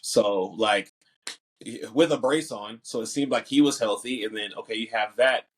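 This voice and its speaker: A man's voice: fairly low pitch, moderate pace. A young man co-hosting a casual sports podcast, talking in loose, slangy bursts full of fillers. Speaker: podcast co-host.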